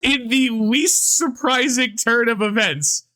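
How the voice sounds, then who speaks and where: A man co-hosting a casual pop-culture podcast, talking in an animated, sarcastic rant with frequent swearing. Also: very high voice, slow pace. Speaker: podcast co-host.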